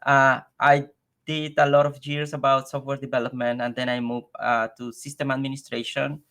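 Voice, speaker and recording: Man, halting casual guest. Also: medium pitch, little pitch movement, a bit bright. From Mexico. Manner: halting, repeats words, laughs easily. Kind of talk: casual interview chat.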